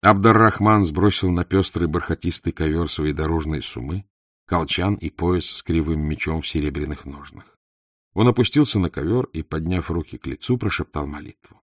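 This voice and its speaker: A man reading a historical novel aloud in measured, descriptive storytelling narration. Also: deep voice, no echo, clean studio sound. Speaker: audiobook narrator. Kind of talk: scripted narration.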